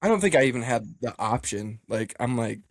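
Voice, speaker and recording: A man on a running team's podcast telling a story in a casual, animated way, laughing often, swearing freely and acting out what people said. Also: medium pitch, a little fast, no room sound, studio quality.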